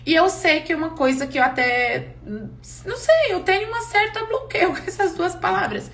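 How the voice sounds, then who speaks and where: Candid woman teacher, high voice, non-native Portuguese speaker, chatty live class. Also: animated, moderate pace, a bit bright. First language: not Portuguese. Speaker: English teacher.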